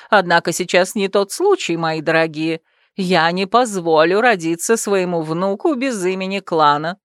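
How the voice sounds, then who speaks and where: A woman voicing a stern, domineering werewolf clan matriarch who speaks loudly and emphatically in an audiobook. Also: medium pitch, no room sound, studio quality, lightly acted. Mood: coaxing. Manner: loud, commanding, slow and emphatic.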